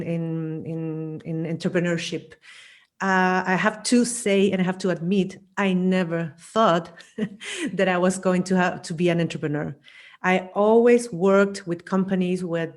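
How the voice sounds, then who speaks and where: Lady guest on a podcast, chatty, repeats herself a lot, restarts her sentences. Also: on the low side. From Chile. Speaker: guest, psychologist and coach. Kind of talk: podcast interview.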